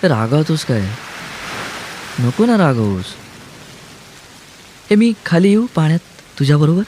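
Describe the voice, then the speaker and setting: A man's voice: fairly high pitch, sing-song, unhurried, noisy background, pitched above the performer's own voice. A man reading aloud, voicing a playful, teasing young woman in an audiobook. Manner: coaxing, teasing.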